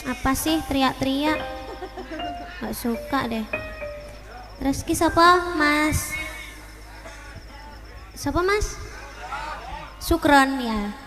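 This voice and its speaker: A woman's voice: sits high, drawn-out words, pauses often. A woman singer chatting playfully and politely on stage, laughing often. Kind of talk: casual banter on stage. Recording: long reverb with music behind.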